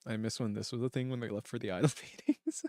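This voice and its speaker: Man, live-stream chat, gravelly, mid-pitched, joking, self-mocking, dry close mic. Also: fairly even intonation, darkish tone, no room sound. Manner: joking, quick to laugh at himself.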